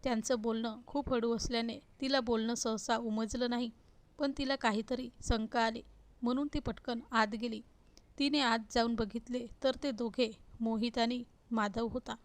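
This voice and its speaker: A woman narrating a romance story in a steady reading voice. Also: on the high side, no echo.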